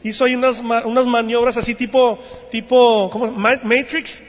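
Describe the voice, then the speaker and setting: A high-pitched man gives an animated youth sermon. He tells the story and acts out its voices. He is recorded in a church hall, with a long, ringing reverb and a dull, muffled sound. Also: normal speed. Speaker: youth preacher.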